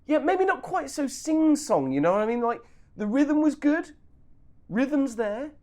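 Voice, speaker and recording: A man's voice: very high voice, big pitch swings, a little slow, darkish tone, heavily acted. A man playing an overpolite casting director who gives fussy, hesitant notes.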